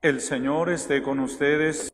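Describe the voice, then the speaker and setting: A man's voice: on the high side, steady tone. A man leading Mass as a priest, chanting responses and reading the gospel in a large church with a long cathedral echo. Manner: slow, measured chant on the responses. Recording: echoey church recording, faint music.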